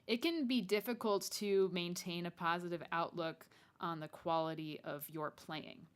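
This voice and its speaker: A young adult woman with a fairly low, slightly bright voice talks casually and chattily to the listener while hosting her podcast solo, in a conversational monologue.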